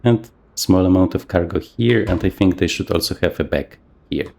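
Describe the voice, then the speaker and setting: A man casually talking through a flight simulator session, thinking aloud with plenty of fillers, his voice a little rough from the morning. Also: low voice, moderate pace, a little mellow, slight background noise. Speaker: flight sim video host. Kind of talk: casual gameplay commentary.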